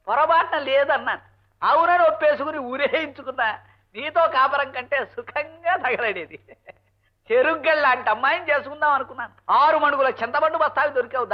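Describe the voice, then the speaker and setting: An actor playing a grumbling, henpecked husband and lecturer who mutters sarcastic insults and shouts for silence. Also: male voice, extremely high pitch, brisk. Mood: exasperated. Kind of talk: 1980s film comedy dialogue. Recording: dull lo-fi old film soundtrack.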